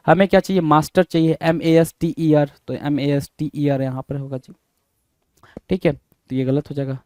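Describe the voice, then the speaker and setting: A man's voice: a little high, clear, resonant tone, no echo. A man teaching an English spelling lesson, spelling words out letter by letter and asking and answering his own questions.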